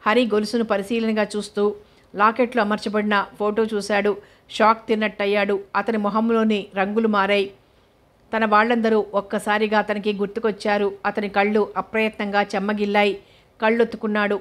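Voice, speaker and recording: A woman reading a story aloud at a middle pitch, her voice held flat and even. She keeps the same measured storytelling tone through narration and dialogue alike. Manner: steady, even storytelling voice that barely shifts for characters.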